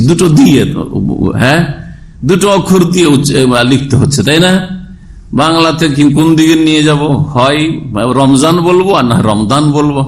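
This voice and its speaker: A man preaching a sermon lecture, explaining step by step and asking his listeners rhetorical questions. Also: fairly high pitch. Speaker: Islamic preacher.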